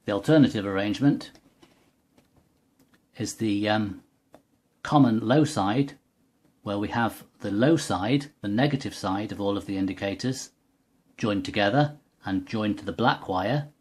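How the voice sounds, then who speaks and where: Walking through a product one step at a time, this male demonstrator explains things in an unscripted, methodical way, like a tutorial guide. His fairly low voice is slightly mellow, and he takes his time, pausing often.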